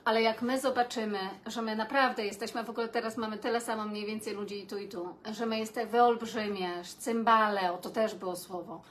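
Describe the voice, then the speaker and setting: A woman's voice: fairly high pitch, steady tone, fairly quick, few pauses. A woman hosts a casual live stream and talks straight to her viewers. She reads their comments aloud and reacts to them in a chatty way. A faint background noise sits under her voice. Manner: chatty, addresses viewers warmly as "kochani", reacts with laughter and sighs.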